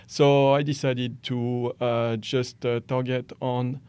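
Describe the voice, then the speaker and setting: A French man in his forties, a company founder, is a guest on a podcast interview, seated in an armchair in a small, dark studio and speaking into a boom-mounted studio mic. He talks slowly in a clean, mid-range voice, animated and gesturing with both hands, with many hesitant fillers. The recording is dry.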